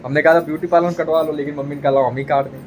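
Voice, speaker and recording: Racing along in a slightly high, fairly even voice, a young family vlogger chats to his phone camera at home. He teases and keeps calling out to viewers, and a little hiss or hum sits in the recording.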